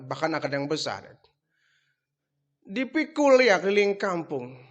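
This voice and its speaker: High-voiced male preacher telling a story. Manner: lively, casual storytelling with colloquial asides. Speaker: Islamic preacher. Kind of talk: storytelling sermon.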